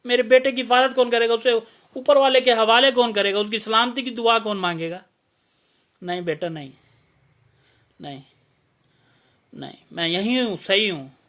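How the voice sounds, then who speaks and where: A man's voice: very high voice, steady tone, fairly quick, a bit bright. Man voicing a pleading elderly mother. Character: elderly mother, pleading, devoted to her son.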